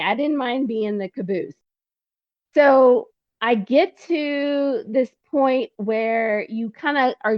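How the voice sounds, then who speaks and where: A woman guest telling her story in a casual, animated way, acting out conversations with laughter. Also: a little high, dry recording, highs cut off. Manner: animated, acts out dialogue with laughs. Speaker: podcast guest, pilgrim.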